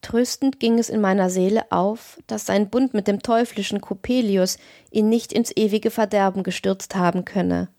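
A woman narrating a literary tale in a measured, expressive audiobook reading. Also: mid-range voice, dry recording, studio quality.

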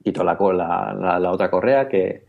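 A man co-hosting a casual podcast, telling a personal anecdote in a lively way, often laughing and restarting his sentences. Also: deep voice, moderate pace, gravelly, narrow, tinny audio. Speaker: podcast co-host.

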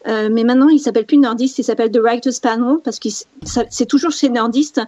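A woman speaks on a casual podcast panel, her voice fairly high and mellow in tone. She hesitates and restarts often, filling the gaps. The recording is dry and dull, like lo-fi podcast audio. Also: steady tone, a little fast, no room sound. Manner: hesitant, many fillers and restarts.

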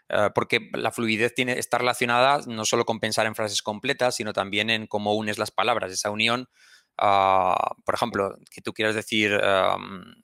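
A man's voice: on the low side, pushed and bright, dry recording, studio quality. A man, an interview guest explaining a teaching method and demonstrating English phrases.

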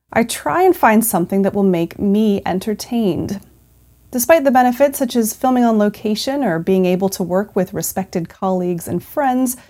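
A woman hosting a news podcast, reading scripted stories in a measured, clearly phrased manner. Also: mid-range voice, dark tone.

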